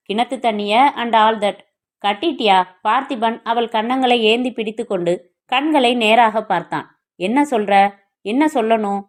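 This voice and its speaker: A woman narrating a crime novel as an audiobook, reading the dialogue of every character herself. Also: on the high side.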